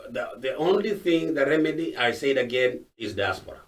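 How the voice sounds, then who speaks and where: A man's voice: mid-range voice, animated, brisk. Emphatic man, off-mic. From Kenya. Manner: emphatic, repeats his points. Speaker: guest. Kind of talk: panel discussion. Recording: voice from far off the mic.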